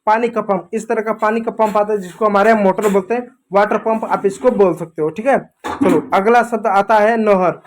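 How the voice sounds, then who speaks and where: A man with a fairly high voice teaches English words in an informal classroom manner. He says each word again and again and keeps checking in with his listeners. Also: steady tone, fairly quick. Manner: repeats words, keeps saying "theek hai" and "dekho doston". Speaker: English teacher on a kids' channel. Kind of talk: informal Hindi vocabulary lesson.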